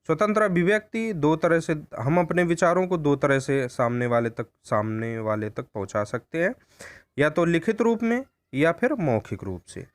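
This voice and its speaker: A man teaching a recorded lesson on pronunciation, speaking deliberately and repeating points to rephrase them. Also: on the high side, animated. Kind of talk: recorded Hindi grammar lesson.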